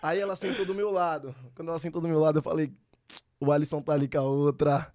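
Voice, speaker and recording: Man, high voice, dry close sound, easygoing and joking. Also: steady tone, fast talker, a little mellow, no echo. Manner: laid-back, joking, slangy. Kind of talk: casual storytelling among friends.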